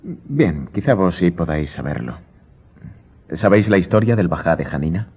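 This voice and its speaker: A man playing a mysterious, wealthy count in a radio drama, husky-voiced, measured and self-assured. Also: low-pitched, expressive, highs cut off, exaggerated voice. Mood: composed, enigmatic. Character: mysterious, wealthy count, composed, cryptic and commanding. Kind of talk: Spanish-language radio drama acting.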